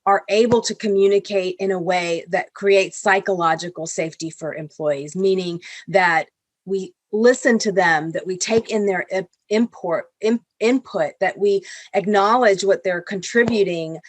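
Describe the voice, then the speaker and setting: A woman's voice: medium pitch, normal speed, no room sound. A woman from Venezuela, a corporate executive, explaining her points earnestly on a video call panel discussion. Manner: earnest and explanatory, with small restarts.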